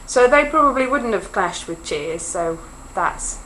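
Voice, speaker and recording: A Welsh woman vlogs to camera in a rambling, casual monologue, making fun of herself with jokey asides. Her voice is mid-range for a woman, expressive, a little slow and fairly bright. The audio is poor, with a faint background hiss under her voice.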